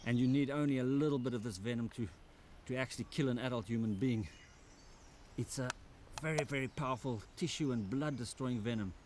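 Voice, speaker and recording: Man, wildlife presenter, eager field explanations, mid-pitched voice, faint outdoor hiss. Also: brisk. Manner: excited, hands-on, explaining while handling snakes. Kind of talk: documentary narration and field presenting. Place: outdoors in a sacred grove.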